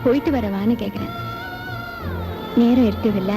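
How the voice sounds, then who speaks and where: A young actress playing a shy, hesitant heroine in a Tamil film. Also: female voice, on the high side, moderate pace, music in the background, natural voice. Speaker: heroine, shy village girl. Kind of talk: 1980s Tamil film acting.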